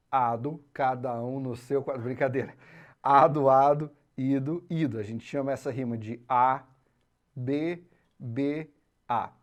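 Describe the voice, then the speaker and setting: A man with a Brazilian Portuguese accent teaching literature in a video lesson, animated and checking in with the viewer as he explains. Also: on the high side. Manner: animated, talks straight to the viewer, tags lines with "tá?" and "certo?".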